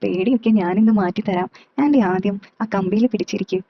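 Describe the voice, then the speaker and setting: A woman's voice: mid-range voice, brisk, natural voice. A woman voicing a cheeky young man. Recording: slightly dull, dry recording.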